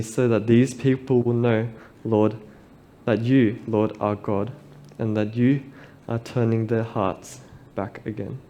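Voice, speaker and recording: A man preaching a sermon at a pulpit microphone, reading scripture aloud and reflecting on it in a measured, earnest way. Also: mid-range voice, mellow.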